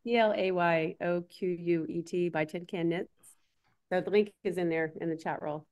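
A woman's voice: fairly low pitch, steady tone, moderate pace, a little mellow, muffled recording. Chatty woman co-hosting a livestream. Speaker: livestream co-host.

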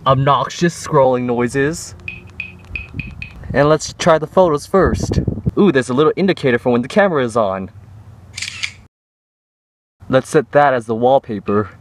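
Recorded via camera mic in a dirt yard outside, a young man hosts a jokey YouTube vlog testing products, counting down each drop test with playful humor. He speaks in an expressive, mid-range voice, unhurried and pausing often. There's a little hiss or hum.

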